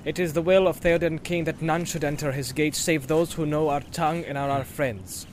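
Wary proud gate guard, voiced by a male narrator; formal, suspicious, pitched a little higher, audiobook. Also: fairly even intonation, moderate pace, a little hiss or hum, close to an everyday voice.

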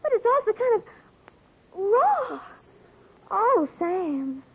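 A gushing, scatterbrained secretary in a 1940s radio play. Her voice is extremely high and swoops around, fretful and breathless, on a tinny old recording. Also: big pitch swings, takes it slowly, slight background noise, exaggerated voice. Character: devoted, melodramatic, scatterbrained young female secretary. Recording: tinny vintage radio broadcast.

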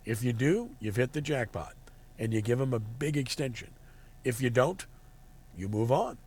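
A man's voice: medium pitch, expressive, normal speed, darkish tone, slightly rough. A man hosting a sports talk radio show, giving commentary.

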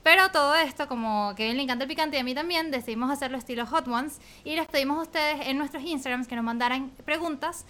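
A woman's voice: high-pitched, quick pace, few pauses, sharp tone. A woman hosting a podcast, introducing and interviewing a guest in friendly, casual talk, laughing often. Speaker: podcast host.

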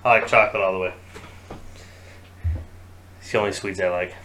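A relaxed man chats and teases as a podcast co-host, and he swears now and then. His voice sits a bit low. Faint noise runs under the recording. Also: normal speed. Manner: laid-back, teasing, swears casually. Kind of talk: casual chat.

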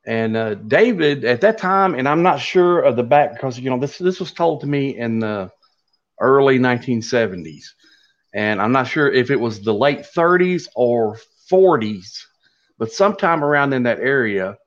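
Middle-aged male storyteller, Appalachian Kentucky accent, halting and folksy delivery, muffled low-fidelity recording. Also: expressive. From Kentucky, USA. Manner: folksy, halting, unhurried telling. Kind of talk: casual oral storytelling. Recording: dull lo-fi audio.

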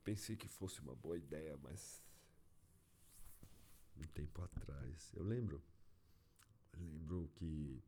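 A man's voice: very deep voice, takes it slowly, pauses often, mellow, slight background noise. A man with a Brazilian Portuguese accent, venting in a casual, slangy monologue as an agency owner fed up with clients. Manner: frustrated, slangy, exasperated.

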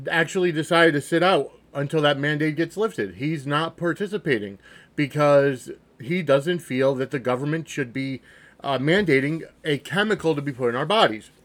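Higher-pitched American man, opinionated podcast monologue. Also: moderate pace, fairly bright tone. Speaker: podcast host. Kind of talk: opinionated solo political monologue.

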